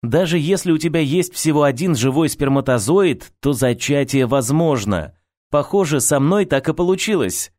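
A woman's voice: low voice, expressive, moderate pace, a little mellow, no room sound, studio quality, pitched above the performer's own voice. A man voicing a young pregnant woman who pleads and insists with her lover, in a storybook reading. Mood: insistent.

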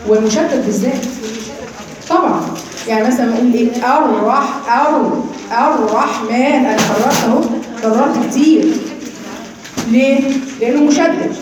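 A woman with an Egyptian Arabic accent teaching a live class, explaining quickly and quizzing her students. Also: a little high, a crowd in the background. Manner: explains then demonstrates sounds slowly, quizzing students. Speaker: Quran recitation teacher. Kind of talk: live class lecture on tajweed. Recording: very echoey room with people around.

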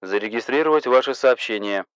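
A weary, patient police duty sergeant on the phone, read by a man, formal and curt with every caller. His voice is mid-pitched, with a dry, slightly dull sound. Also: a little fast, a bit bright, clear, resonant tone, dry recording, close to an everyday voice.

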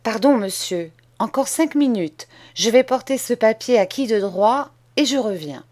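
A woman voicing a calm, defiant young schoolboy who speaks politely but firmly in an audiobook. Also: on the high side, unhurried. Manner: polite, firm and unyielding. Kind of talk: audiobook character reading.

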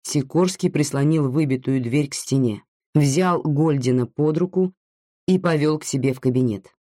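A narrator reading a literary story in a steady, even manner. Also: mid-range voice, moderate pace, dry recording, studio quality.

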